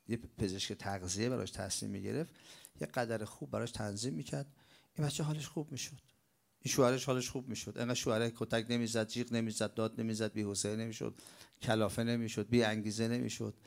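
A man preaching a religious lecture, asking rhetorical questions and answering them himself, swinging between loud bursts and quiet stretches. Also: fairly low pitch, steady tone, vocal fry.

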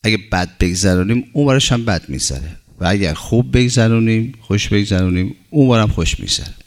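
A man's voice: lowish voice, lively intonation. A man preaching a sermon as a religious teacher, building his points through long runs of short, repeated phrases and reciting Arabic scripture before explaining it.

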